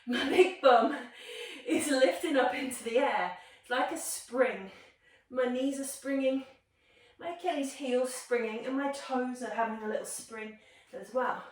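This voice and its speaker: A woman's voice: sits high, darkish tone, far from the mic. A woman leading a yoga class, giving encouraging, chatty instructions while demonstrating the moves herself. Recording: very echoey room, voice from off-mic.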